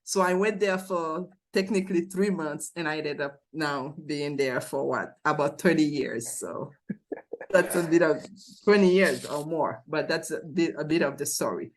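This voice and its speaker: A woman's voice: deep voice, a little slow. A woman in her forties from Haiti with a Haitian accent, speaking as an interview guest, thoughtful and earnest, often restarting her sentences as she tells her story.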